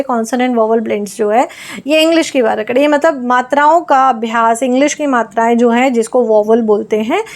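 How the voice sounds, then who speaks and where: A woman teaching English reading in a lesson, patiently sounding out letters one at a time. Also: high voice. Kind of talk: explaining phonics lesson.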